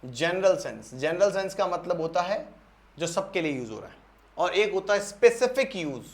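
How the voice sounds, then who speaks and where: Indian guy teaching english for exams, high voice, keeps repeating himself and asking the class questions. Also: lively intonation, normal speed. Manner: repeats points and asks the class rhetorical questions. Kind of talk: exam-prep English lesson.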